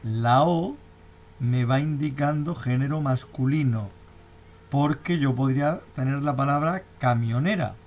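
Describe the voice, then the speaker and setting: A man's voice: medium pitch, unhurried, darkish tone. A man with a Spanish accent explaining a grammar lesson step by step, often asking if the class has understood. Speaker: teacher. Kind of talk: recorded lecture.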